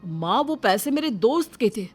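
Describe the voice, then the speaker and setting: A woman's voice: a little high, very animated, moderate pace, darkish tone, husky, faint music behind. A young son in a cartoon family story, voiced by a woman narrator in her own near-normal voice, anxious and pressing about lost money.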